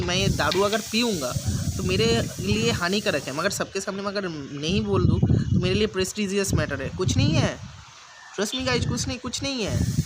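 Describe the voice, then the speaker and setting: A man hosting a channel, talking casually and earnestly to his viewers about personality and self-confidence, often repeating his points and slipping in English phrases. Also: sits high. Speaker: YouTube channel host. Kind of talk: casual self-help talk to camera. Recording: noisy background.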